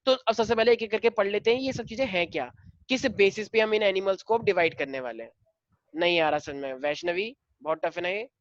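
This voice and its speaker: A man's voice: sits high, brisk, no room sound. A man teaching a class, mixing Hindi with English, asking students questions and calling them his dear children. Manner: mixes Hindi and English, quizzes students, affectionate. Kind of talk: classroom lecture. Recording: dull lo-fi dry sound.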